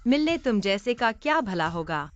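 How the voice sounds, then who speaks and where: A woman's voice: medium pitch, very animated, moderate pace, no room sound, close to an everyday voice. Brief: actress playing a tough young female bodyguard, blunt and scolding, dry and dull dub audio. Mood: threatening. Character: fierce young woman bodyguard. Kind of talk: dubbed drama acting.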